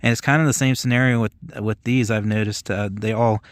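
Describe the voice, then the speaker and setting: Low-voiced man giving casual product commentary. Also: steady tone, fairly quick, no room sound, studio quality. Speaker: host of an ammunition test channel.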